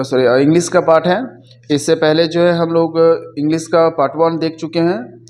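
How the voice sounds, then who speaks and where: A man teaching an exam-prep lesson, reading English questions slowly with fillers, then explaining each one. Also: on the high side, darkish tone, slight background noise.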